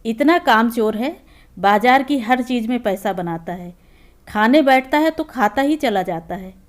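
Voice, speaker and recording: A woman voicing a sharp-tongued, complaining middle-aged housewife in a storybook reading. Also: a little high, lively intonation, measured pace. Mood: dismissive. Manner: sarcastic, complaining.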